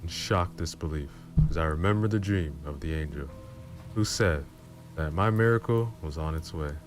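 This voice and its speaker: A man narrating horror stories in a calm, low-key reading style. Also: normal speed, faint music behind. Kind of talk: scripted story narration.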